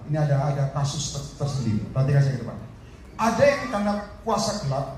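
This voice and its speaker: A man preaching a sermon as an evangelist, animated and repeatedly addressing the congregation directly. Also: medium pitch. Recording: echoey hall from far off, faint noise.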